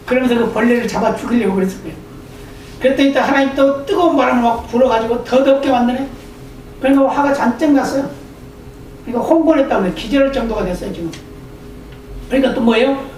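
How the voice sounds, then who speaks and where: A pastor giving a sermon, reading scripture slowly and acting out quoted lines. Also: female voice, mid-range voice, darkish tone, slight background noise. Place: church sanctuary. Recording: echoey church room from far off.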